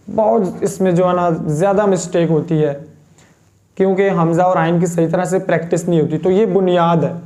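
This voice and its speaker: A man's voice: sits high, warm tone. Patient man teaching pronunciation. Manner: patient, demonstrates each letter sound slowly. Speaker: Quran recitation teacher. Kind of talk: step-by-step pronunciation lesson.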